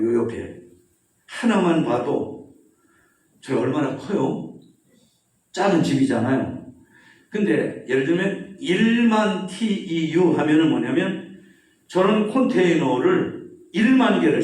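A man preaches to a congregation in a church sanctuary. His speech is heavy with room echo, and he sounds somewhat distant from the microphone. He tells stories in an animated way and asks his listeners questions. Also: a little high. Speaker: pastor. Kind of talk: sermon. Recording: echoey church hall, mic at a distance.

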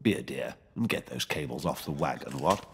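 An actor playing a genial, dryly jaunty British World War II mission guide in a video game, speaking in colloquial slang. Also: male voice, extremely low pitch, animated, brisk, fairly bright tone, a little hiss or hum, heavily acted. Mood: jaunty, instructive.

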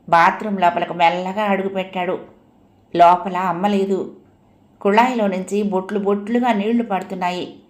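Woman storyteller, audiobook narration, gentle, unhurried, mid pitch.

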